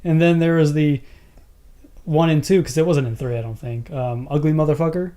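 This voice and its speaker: A man's voice: fairly high pitch, fairly even intonation, moderate pace, mellow. A man co-hosting a casual podcast, chatting and joking about movies. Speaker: podcast co-host.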